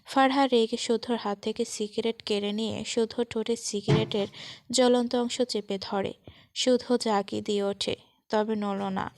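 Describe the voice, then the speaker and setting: Gravelly-voiced woman narrating a story. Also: on the high side, fairly even intonation, moderate pace, darkish tone, dry recording. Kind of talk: scripted narration of a romance story.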